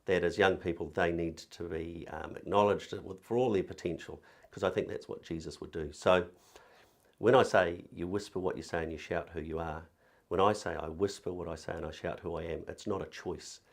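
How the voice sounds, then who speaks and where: A man's voice: sits low, steady tone, moderate pace. A man with a New Zealand accent, a religious education director giving an earnest, thoughtful talk to camera, with occasional fillers and repeated words.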